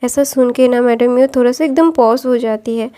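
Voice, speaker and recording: A woman's voice: fairly high pitch, steady tone, moderate pace, mellow. A woman casually retelling a fan story, rambling, searching for words and correcting herself as she goes.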